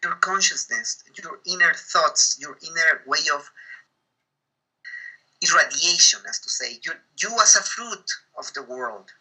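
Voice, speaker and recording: A man whose first language is K'iche' speaks as an interview guest and explains ideas slowly, pausing to find his English words. His voice is high and very bright. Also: lively intonation, husky, rough recording. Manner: slow, searching for English words, patient explaining. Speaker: Maya spiritual guide, guest. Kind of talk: teaching interview over a call.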